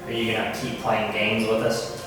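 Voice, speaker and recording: A man's voice: on the low side, completely flat delivery, moderate pace. A man questioning spirits in a direct, casual way during an overnight ghost hunt inside an old jail. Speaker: ghost hunter. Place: inside a historic jail, echoey rooms. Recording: very echoey hall, distant mic, music behind.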